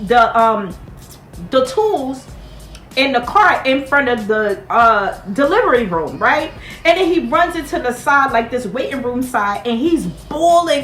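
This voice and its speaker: Chatty high-voiced woman recapping TV. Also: echoey room. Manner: chatty, animated, talks straight to viewers. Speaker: TV show recap host. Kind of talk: casual TV recap commentary.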